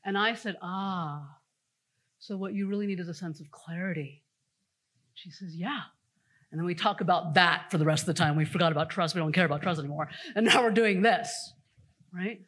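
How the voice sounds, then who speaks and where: A woman giving an energetic conference talk, telling stories and speaking straight to the audience. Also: fairly low pitch, moderate pace, breathy edge. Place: conference stage before an audience.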